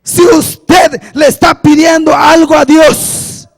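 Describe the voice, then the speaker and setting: A young man preaching a passionate sermon, often shouting and drawing out his words for emphasis. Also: extremely high pitch, flat delivery, creaky. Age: young adult. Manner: impassioned, often shouting, slow drawn-out emphasis.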